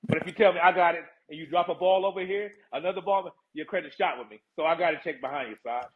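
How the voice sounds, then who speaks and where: A man's voice: on the high side, quick pace. A man, a retired first sergeant, talking casually in an interview, laid-back and laughing often. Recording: tinny phone-like line.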